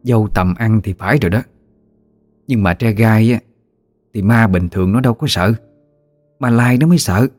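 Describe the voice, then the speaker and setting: A man's voice: on the low side, moderate pace, pauses often, darkish tone, soft background music, lightly acted. A man voicing a bold, teasing middle-aged country wife, with a Southern Vietnamese accent.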